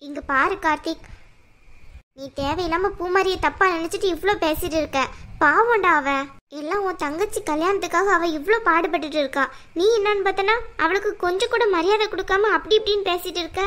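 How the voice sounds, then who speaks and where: A woman's voice: extremely high pitch, fairly quick, a bit bright. A woman voicing a kind but stern mother-in-law in a cartoon, firm and soothing by turns. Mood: scolding. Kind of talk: cartoon voice acting.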